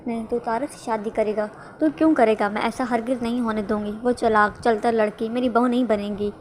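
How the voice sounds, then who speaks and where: A woman reading the part of a scheming, sharp-tongued middle-aged mother in a storybook reading, with faint background noise. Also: a little high, steady tone, lightly acted. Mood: angry. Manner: bitter, scolding.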